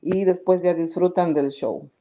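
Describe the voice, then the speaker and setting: Lo-fi audio with a little hiss or hum carries a woman's lowish, steady, unhurried voice. As a podcast live-stream host, she chats casually over viewer comments, laughing often and greeting people by name.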